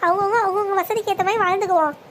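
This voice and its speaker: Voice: extremely high pitch, steady tone, very fast, fairly bright tone, a little hiss or hum. A voice actor playing a proud, troubled young bride-to-be in a family cartoon drama, speaking in a pleading yet resolute way. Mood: distressed.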